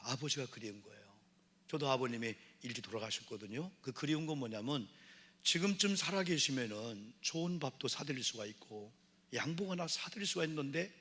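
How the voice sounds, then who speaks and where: A middle-aged man preaches to his congregation in a chatty, familiar way and often slips into the voices of the people he quotes. His voice sits at an ordinary middle pitch. Long reverb from the church hall trails after his words. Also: a bit bright, husky. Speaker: pastor. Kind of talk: sermon. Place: church sanctuary.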